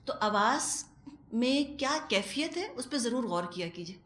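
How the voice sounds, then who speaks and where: A woman's voice: fairly high pitch, animated, fairly bright tone, roomy sound. A woman teaching a Quran lesson to women in a conversational way, acting out everyday household calls. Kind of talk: lecture to women.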